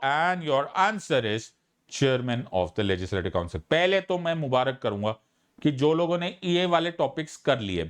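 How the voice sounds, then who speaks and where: A middle-aged Indian man teaching an online exam-prep lecture, coaxing and lively, switching between Hindi and English. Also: mid-range voice. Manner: lively, coaxing teacher talk mixing Hindi and English, calls students "my child".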